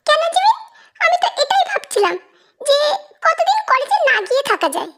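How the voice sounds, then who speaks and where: A woman's voice: extremely high pitch, very animated, a little slow, creaky, very noisy, pitched above the performer's own voice, exaggerated voice. A woman voicing a flustered, shy young man in a storybook reading who stammers and protests. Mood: whiny.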